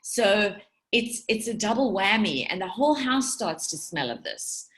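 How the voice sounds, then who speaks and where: A woman in her forties from South Africa chats casually to an online group. Her talk rambles, with tangents, restarts and asides. Her voice sits at an ordinary middle pitch. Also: very animated, measured pace, a bit bright. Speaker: essential oils distributor speaking to her team.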